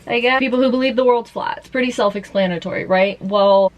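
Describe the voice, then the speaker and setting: A woman's voice: on the high side, fairly quick, muffled recording. A tired young woman chatting her way through a makeup routine after an all-nighter, rambling casually. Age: young adult. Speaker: vlogger. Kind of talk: casual makeup vlog chat.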